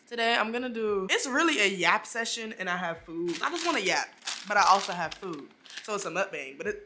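A young woman chatting casually to camera while eating, slangy and quick to laugh. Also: medium pitch, pushed and bright. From Jamaican heritage. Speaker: vlogger. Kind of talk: casual mukbang chat. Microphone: phone or camera at arm's length.

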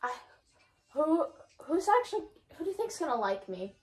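Young woman with a higher-pitched voice. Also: very animated, moderate pace. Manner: repeats phrases to a partner who can't hear. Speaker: challenge video participant. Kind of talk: casual playful banter in a lip-reading game. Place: small bedroom, indoors.

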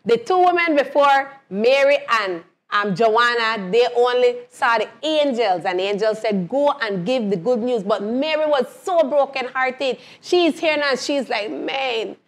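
A woman's voice: fairly high pitch, animated, a little slow, hardly any pauses. A woman leading a Bible lesson, retelling the story and asking her co-hosts questions. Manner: asks questions and answers them herself, repeating phrases.

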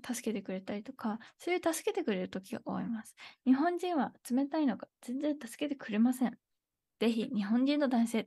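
Chatty young woman teaching, slightly high. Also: no echo, clean studio sound. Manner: chatty, thinks aloud, laughs often. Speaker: Japanese teacher. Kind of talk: casual live online lesson.

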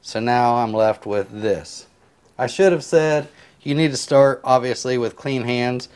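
A man talks through a simple recipe while he cuts and seasons, unhurried and a little rambling. His voice sits in an ordinary middle register, picked up close on a clip-on mic in a home kitchen. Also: mid-range voice, smooth. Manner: relaxed, rambling step-by-step explanations with filler words. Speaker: home cook. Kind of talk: casual cooking tutorial. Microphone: clip-on lapel mic.

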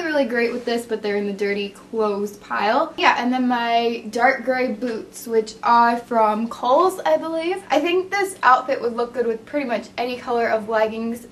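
A woman's voice: on the high side, slight background noise. A young woman from the United States, chatting casually and rambling through her outfits in a fashion vlog, joking about herself. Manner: chatty, self-mocking, rambling. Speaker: fashion vlogger.

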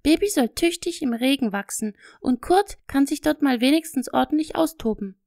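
A woman voicing a lively, eager little girl in a storybook, talking in an excited, pleading way. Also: high-pitched, normal speed, no echo, studio quality, voice pushed up.

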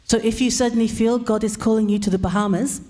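A woman preaching a lively, humorous sermon in church, pausing for an interpreter. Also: on the high side. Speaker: pastor.

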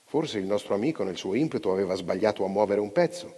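A man narrating a novella aloud in an expressive, dramatic way, live on stage in a large hall. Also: lowish voice, quick pace, breathy edge. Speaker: reader. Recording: long hall reverb.

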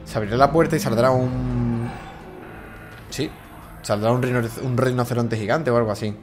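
A man comments casually on a video game, hoarse from a cold. He jokes, swears and taunts enemies, with game music and gunfire loud behind him. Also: medium pitch, steady tone, normal speed. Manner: joking, swearing, talks to enemies. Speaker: gameplay commentator.

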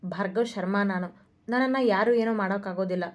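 A woman's voice: medium pitch, fairly even intonation, moderate pace, darkish tone, natural voice. A woman voicing a proud, blunt young man who is a devoted son, speaking firmly. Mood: defiant.

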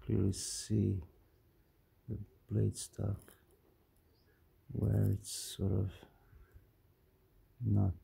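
A man casually showing off his knives, mumbling in a quiet, halting way. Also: fairly low pitch, completely flat delivery, vocal fry, breathy edge. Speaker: knife collector vlogger. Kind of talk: casual show-and-tell.

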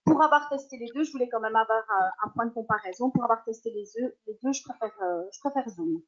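A woman primary school teacher presents her online lessons to colleagues in a webinar. She explains things in a lively way, often circling back and correcting herself. Her voice sits a bit high, and the video call audio comes through dull and lo-fi. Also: fast.

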